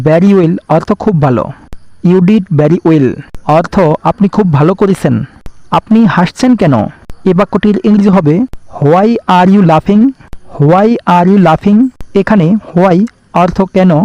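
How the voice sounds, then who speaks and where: A man teaching spoken English, saying each sentence slowly and carefully, then explaining it word by word. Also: sits high, darkish tone, no echo. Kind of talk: slow, careful lesson narration. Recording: dull lo-fi recording.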